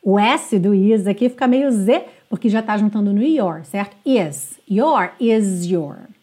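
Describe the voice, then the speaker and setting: A woman teaching English pronunciation, slowly modeling sung phrases and checking in with her students patiently. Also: medium pitch, lively intonation, dark tone. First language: Portuguese.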